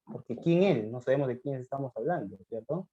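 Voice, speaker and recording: A man teaches a math lesson in a mellow, dark voice. He takes on his students' questions and answers them, often slowing to a dictation pace. The recording is dull and lo-fi. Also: medium pitch, lively intonation. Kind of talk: classroom lecture on logic. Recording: dull lo-fi sound.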